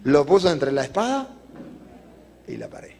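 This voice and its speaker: Animated high-voiced preaching man. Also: measured pace, creaky. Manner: animated storytelling, acting out characters' voices. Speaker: priest. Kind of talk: retreat preaching. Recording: long reverb of a large hall.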